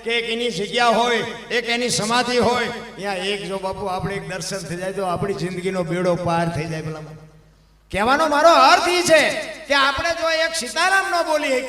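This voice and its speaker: A man telling a devotional folk story, preaching to his listeners and rising to loud, emphatic peaks. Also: high-pitched. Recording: echoey hall with long reverb from live stage.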